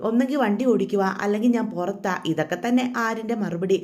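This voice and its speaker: A woman's voice: mid-range voice, fast talker, a little mellow. A woman casually retelling the plot of a TV serial in a chatty way, tagging her sentences with a friendly "you know". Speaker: storyteller recapping a TV serial.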